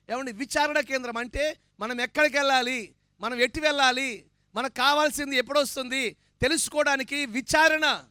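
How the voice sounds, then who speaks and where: A man's voice: extremely high pitch, no room sound, studio quality. A man preaching a sermon with fervent emphasis, asking the congregation to answer back. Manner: fervent, emphatic preaching that swells to loud declarations; asks the congregation for responses.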